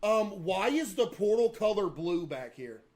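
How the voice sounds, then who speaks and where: A man's voice: sits high, lively intonation, measured pace, a little mellow. A man streaming casual live reaction commentary, exclamatory and incredulous in manner.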